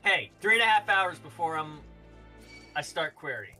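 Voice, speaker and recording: A man's voice: a little high, expressive, moderate pace, bright, forceful tone. A man chatting casually as a guest on a game stream. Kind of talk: casual chat. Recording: music behind the voice. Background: music.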